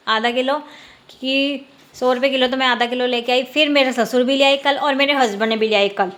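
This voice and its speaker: A woman's voice: on the high side, fairly bright tone. A woman in her thirties chatting to viewers as she does household chores in a casual family vlog. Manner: chatty, showing chores while talking to viewers; laughs often while talking. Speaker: family vlogger. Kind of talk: casual home vlog narration.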